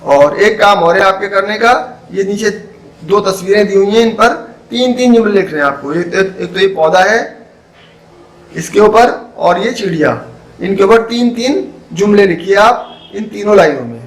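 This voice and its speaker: A man's voice: sits high, normal speed, low-quality recording. A man teaching a school lesson, patiently explaining, reading out sentences and praising the pupils as he quizzes them. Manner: reads out sentences and quizzes the class.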